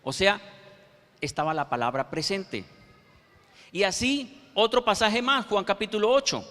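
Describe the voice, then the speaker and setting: A man preaching a sermon, quoting scripture verses with slow, emphatic pauses. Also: sits high, lively intonation, pushed and bright. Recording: reverberant hall.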